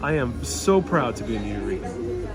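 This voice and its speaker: A man's voice: mid-range voice, huge pitch swings, normal speed. Chatty man with salsa music behind. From born in Puerto Rico, raised in New York. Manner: reads viewer comments aloud and riffs on them, chatty and self-assured. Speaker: travel vlogger answering live chat. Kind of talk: casual live-stream chat. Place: outdoors in a European old town. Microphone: wireless clip-on mic. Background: salsa music playing nearby.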